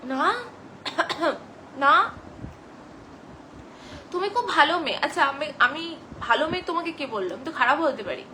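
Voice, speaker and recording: A woman's voice: high voice, animated, a little slow, pauses often, sharp tone, slight background noise, poor audio. A young woman hosting a casual live stream, reading viewer comments aloud and answering them in a chatty way over a phone.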